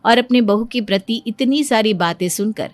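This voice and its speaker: A woman's voice: a little high, normal speed, dry recording. A woman narrating a scripted moral story.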